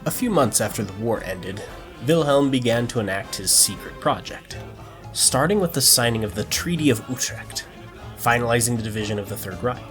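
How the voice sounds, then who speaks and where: Lively mock-dramatic male game narrator. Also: medium pitch, normal speed, faint music behind. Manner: mock-dramatic storyteller, dry jokes. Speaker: strategy game video narrator. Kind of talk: scripted game narration with wry asides.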